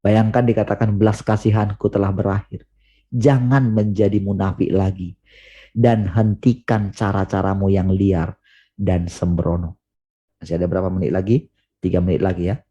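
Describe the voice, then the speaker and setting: A man preaching a sermon over a video call, earnest and emphatic, rising to urgent questions and then dropping low and quiet. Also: steady tone, normal speed, husky, lo-fi sound.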